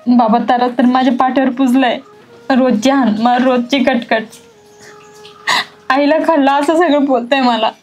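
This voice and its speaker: A woman's voice: sits high, steady tone, normal speed, long pauses, darkish tone, dull audio, natural voice. An actress playing a mistreated young stepdaughter, crying and pleading with her father, with faint music behind. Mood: tearful. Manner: tearful, pleading. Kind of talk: village drama acting.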